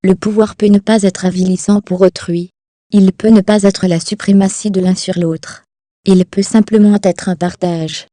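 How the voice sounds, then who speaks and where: A woman reading her personal essay aloud in measured, deliberate phrases. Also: medium pitch, flat delivery, dark tone, dry recording. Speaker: author reading her own text.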